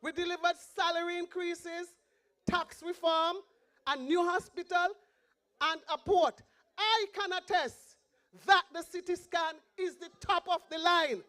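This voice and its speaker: A woman's voice: extremely high pitch, unhurried, fairly bright tone. A woman with a Montserrat accent giving an impassioned, pleading rally speech as a political candidate, repeating her slogans.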